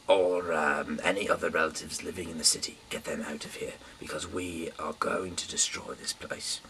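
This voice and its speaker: A man with a low yet bright voice reads aloud from the Bible in a small, dim indoor room. He's captured by a camera mic set a little way off, so the sound is distant, with faint background hiss.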